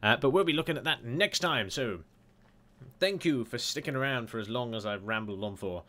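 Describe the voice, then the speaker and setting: A man talks through a game tutorial on a screen recording in a mid-range voice that's bright, forceful and expressive, at a moderate pace. His narration is casual and rambling, full of chatty asides and "uh"s.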